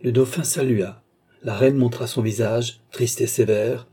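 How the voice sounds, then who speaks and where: Husky-voiced man narrating a classic novel. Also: mid-range voice, fairly even intonation, measured pace, warm tone. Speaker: audiobook reader.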